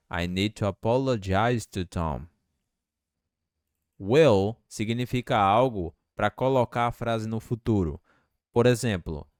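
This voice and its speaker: A man teaching English in a lesson, slowly repeating example phrases. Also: on the low side, a little mellow, dry recording, studio quality. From Brazil. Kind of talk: language lesson.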